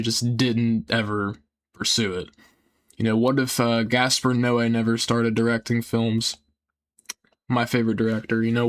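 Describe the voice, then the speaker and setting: A young man talking casually and earnestly in a rambling, halting way that often trails off, with some casual swearing. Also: mid-range voice, a bit bright. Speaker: video creator. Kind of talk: casual rambling personal talk.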